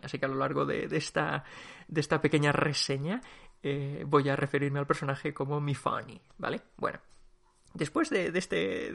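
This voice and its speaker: A man with a Spain Spanish accent giving a spoken book review in an animated, fussy way, often restarting his sentences. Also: fairly high pitch, creaky.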